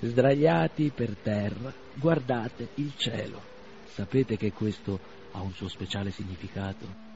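A man reading the part of a kindly, fussy old country doctor who talks slowly and admiringly, on a slightly dull radio recording. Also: mid-range voice, lively intonation, darkish tone, natural voice. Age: older.

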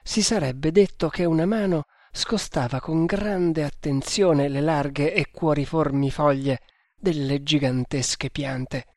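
A man reading an adventure novel aloud as an audiobook narrator, in a measured, suspenseful manner. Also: on the high side, darkish tone, no echo, studio quality.

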